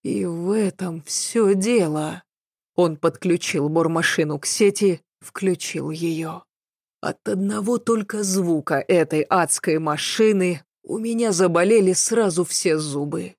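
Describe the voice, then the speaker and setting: A woman reading a first-person story as an audiobook narrator, in a measured, even storytelling delivery. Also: on the low side, no echo, studio quality.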